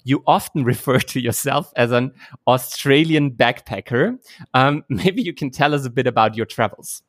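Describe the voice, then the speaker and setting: A man's voice: mid-range voice, normal speed. A man hosting a podcast, asking questions in an upbeat, friendly way. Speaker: podcast host. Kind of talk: interview hosting.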